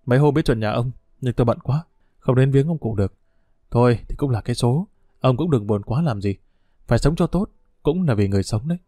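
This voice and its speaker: A man voicing a sly, stubborn village dog thief who taunts and scorns in quick, rough speech. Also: mid-range voice, expressive, dark tone, dry recording, studio quality, natural voice. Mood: falsely friendly.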